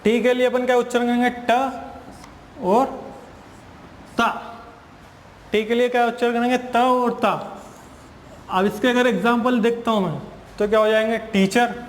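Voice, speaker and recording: A man's voice: extremely high pitch, flat delivery, a little fast. A male teacher giving a spoken English grammar lesson in Hindi, explaining patiently and repeating himself, often asking and answering his own questions. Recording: echoey room with long reverb and faint hiss.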